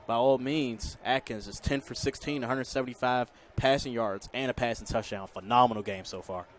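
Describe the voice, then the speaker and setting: A man's voice: medium pitch, a little hiss or hum. An American man giving conversational colour commentary on football, often repeating his phrases.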